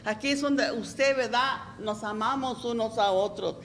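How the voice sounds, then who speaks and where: A woman's voice: on the high side, measured pace, slight background noise. A middle-aged woman pastor, preaching a folksy, chatty sermon and often asking "¿verdad?".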